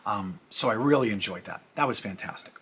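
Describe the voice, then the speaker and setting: A man's voice: fairly low pitch, lively intonation, a little fast, a bit bright, a little hiss or hum. A middle-aged man hosting a casual comic review vlog, chatty and rambling with self-deprecating asides. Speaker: comic review channel host.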